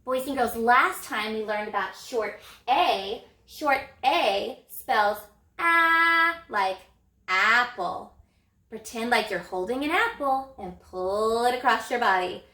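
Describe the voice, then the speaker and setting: A woman teaching a phonics lesson to young children, stretching out sounds slowly and acting out the motions for each vowel. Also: fairly high pitch, lively intonation, bright, forceful tone, echoey room. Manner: slow, exaggerated sound modeling with gestures. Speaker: elementary reading teacher.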